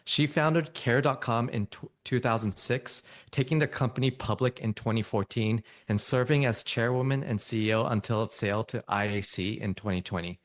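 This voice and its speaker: A man's voice: medium pitch, moderate pace, hardly any pauses. A man hosting a podcast interview, reading a guest introduction in a friendly manner. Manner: read-aloud introduction, friendly. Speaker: podcast host.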